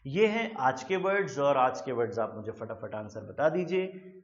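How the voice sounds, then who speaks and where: A man's voice: medium pitch, animated, moderate pace. Man teaching vocabulary, roomy dull sound. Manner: explains with everyday examples, repeats key words, asks the listener questions. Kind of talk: explanatory lesson in Hindi mixed with English.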